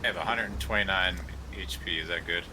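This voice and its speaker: Deep-voiced joking man gaming. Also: quick pace, noisy background. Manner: joking, teasing. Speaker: gamer on a live stream. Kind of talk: casual gaming chat.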